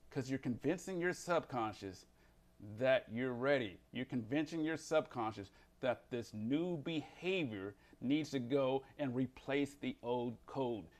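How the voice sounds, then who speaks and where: In this self-help talk, a male behavior change counselor alternates between lively, forceful emphasis and a calm, low, unhurried tone as he motivates his listeners.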